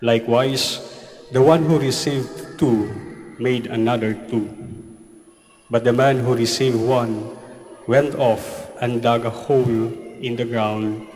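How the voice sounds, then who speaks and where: A man reading the Gospel aloud at Mass in a slow, measured liturgical manner, his voice carried by a cathedral echo. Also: medium pitch, steady tone, a little mellow. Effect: cathedral echo, long church reverb. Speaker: priest or deacon reading the Gospel. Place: large church during Mass. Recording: reverberant church recording, faint noise.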